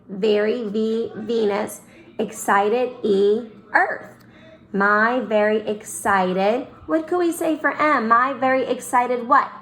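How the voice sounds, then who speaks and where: A woman's voice: a little high, a bit bright. A young woman teaching young children in a recorded lesson, drawing her words out in a sing-song teacher manner. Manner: slow, drawn-out, sing-song teacher talk.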